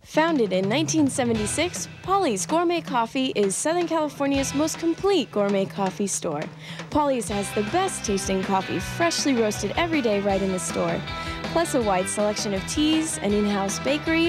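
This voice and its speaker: A woman's voice: fairly high pitch, animated, moderate pace. Upbeat female ad announcer over guitar. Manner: polished, upbeat delivery. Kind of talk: radio ad read. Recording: guitar music behind.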